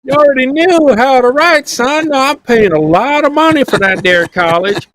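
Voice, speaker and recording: A man's voice: very high-pitched, normal speed, fairly bright tone, pitched above the performer's own voice. Man putting on a hollering Southern dad. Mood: scolding. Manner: hollering, drawling, exasperated. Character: gruff loud Southern father scolding his son.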